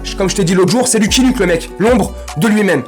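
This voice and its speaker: A man hosting a football fan vlog, ranting casually in street slang and breaking into loud outbursts and jokes. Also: sits high, brisk, faint music behind. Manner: animated, slangy, bursts into shouting and laughs. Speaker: football fan channel host.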